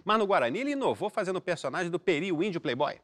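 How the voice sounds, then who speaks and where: An actor playing a cheeky, contrarian young Brazilian driver who contradicts everyone. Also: male voice, sits high, big pitch swings, racing. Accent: Brazilian Portuguese. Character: know-it-all young male driver Julinho.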